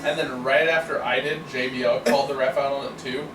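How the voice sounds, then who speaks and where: A man's voice: mid-range voice, fairly even intonation, a little fast. Dry-joking man, far from the mic. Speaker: podcast co-host. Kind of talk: casual wrestling review chat. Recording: roomy, distant mic, noisy background.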